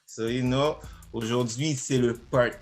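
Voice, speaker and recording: A man's voice: mid-range voice, steady tone, a little slow, soft background music. Hyped-up man hosting. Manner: mixes English slang into French, hype-man energy. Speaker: host. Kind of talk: casual game chat.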